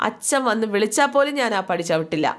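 A man's voice: sits high, animated, quick pace, fairly bright tone. A woman voicing a proud young man who stubbornly refuses his mother's pleas. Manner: stubborn, pleading.

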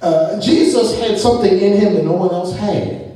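Middle-aged male pastor, high voice, sing-song preaching cadence, roomy church sound from a distance. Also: normal speed, dark tone. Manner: preaching with rising, half-sung emphasis and repetitions. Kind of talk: sermon. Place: church sanctuary. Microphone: handheld mic. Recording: echoey church room from far off.

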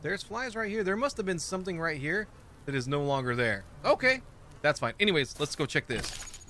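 Brief: young male gaming host, jokey, reactive, slightly raised pitch. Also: brisk, a little hiss or hum. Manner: excitable, jokey, exclaims often. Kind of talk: let's play commentary.

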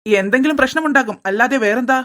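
Someone doing a gruff, quick cartoon grown-up. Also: sits high, pitched below the performer's own voice. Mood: suspicious. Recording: over loud music.

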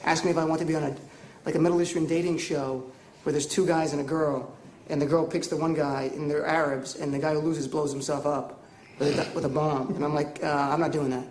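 A man, a comedian, telling jokes in a quick, emphatic, earnest way. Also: on the high side, little pitch movement, a little mellow, echoey room, slight background noise, low-quality recording. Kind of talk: stand-up and interview storytelling.

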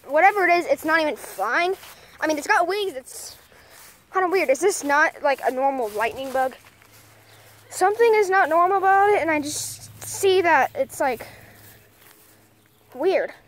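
A young nature vlogger films a casual outdoor vlog in a backyard on a handheld phone camera, with birds chirping faintly in the background. Her voice is high-pitched, and she rambles and hesitates, full of "like" and "I mean."

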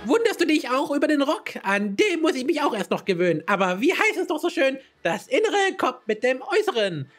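A man's voice: extremely high pitch, big pitch swings, brisk, hardly any pauses, fairly bright tone, faint music behind, voice pushed up, exaggerated voice. A man voicing a vain, cheerful female love messenger in a bubbly, sing-song voice.

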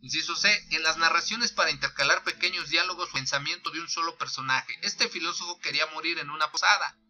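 Bright-voiced Mexican man dictating a lesson. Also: on the high side. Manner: slow, deliberate dictation of examples with punctuation named aloud; thinks aloud with restarts and fillers. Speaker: teacher. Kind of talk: reading a grammar lesson aloud.

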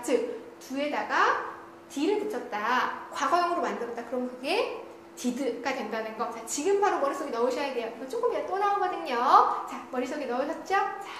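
A woman's voice: high voice, fairly bright tone. A woman giving a recorded online grammar lecture. She keeps saying "자" and asks questions that she then answers herself. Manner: repeats "자" often, asks and answers her own questions. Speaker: English grammar teacher. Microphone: studio lecture recording. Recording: very echoey room with faint noise.

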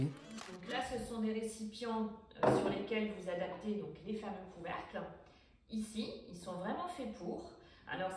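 A middle-aged woman giving a casual, chatty product demonstration in her home kitchen, pausing often with fillers. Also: mid-range voice. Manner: chatty, hesitant with frequent fillers. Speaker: cooking vlogger demonstrating a product.

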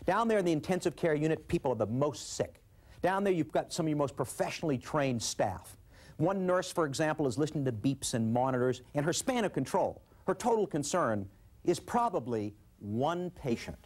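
A man teaching a management course, lecturing and telling stories in an animated way. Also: a little high, moderate pace. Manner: animated storyteller. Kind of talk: scripted lecture with storytelling.

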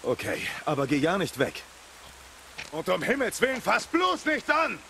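A man's voice: high voice, wildly swooping pitch, moderate pace, gravelly, pushed and bright, slight background noise, exaggerated voice. An actor playing a worried, protective policeman in a video game, earnest and exasperated. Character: worried, protective policeman, reasoning with reckless younger man. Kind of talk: German video game voice acting.

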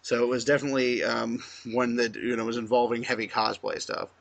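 A man with a bright, forceful voice, chatting casually on a podcast. He rambles through his story with lots of fillers and laughs as he goes. His pitch sits in the middle of the male range. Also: level tone, a little fast, vocal fry. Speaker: podcast co-host.

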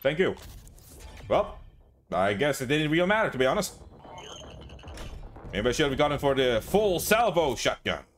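Excitable, foul-mouthed male gamer. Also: fairly high pitch, moderate pace, pauses often, a little hiss or hum. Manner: excitable, profane, laughs and yelps. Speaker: gaming channel host. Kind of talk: let's play gameplay commentary.

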